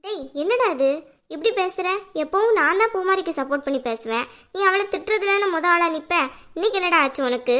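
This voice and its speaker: A woman's voice: very high-pitched, expressive, fairly quick, pushed and bright, exaggerated voice. A woman voicing an older, nagging mother-in-law in a cartoon. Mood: scolding. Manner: nagging, scolding. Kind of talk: cartoon voice acting.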